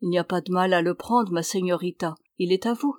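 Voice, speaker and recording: Woman reading a calm young guy, serious, devoted, steady, dry close sound, story reading. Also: fairly low pitch, fairly quick, dry recording, close to an everyday voice.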